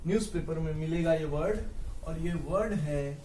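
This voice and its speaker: High-voiced teacher in echoey room. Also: male voice, normal speed, warm tone, a little hiss or hum. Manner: explains patiently, repeats key words, mixes English terms into Hindi. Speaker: vocabulary teacher. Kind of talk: Hindi vocabulary lesson with memory tricks.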